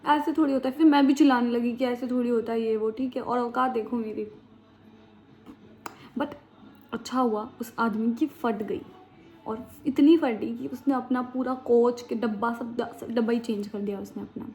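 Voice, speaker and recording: A woman's voice: a little high, fairly even intonation, moderate pace, warm tone. A young woman from India telling a personal story in a chatty, slangy, dramatic casual storytime vlog. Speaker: vlogger. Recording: dull lo-fi sound with faint background noise.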